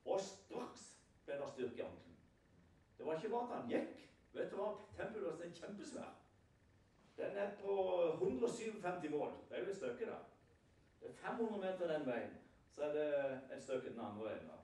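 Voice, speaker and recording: A man with a fairly high voice preaches a sermon, spinning scripture into a lively story and checking in with the congregation through rhetorical questions. He stands well back from the microphone. His words ring through a very reverberant hall. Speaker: lay preacher. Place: prayer house hall. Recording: very echoey hall, far from the mic.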